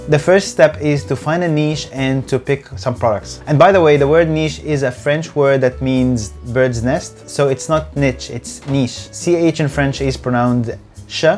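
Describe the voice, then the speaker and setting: Hosting his own channel, a man for whom English is a later language gives a scripted, earnest tutorial, a little stiff on camera. His voice is a little high and a little mellow, with faint background music playing.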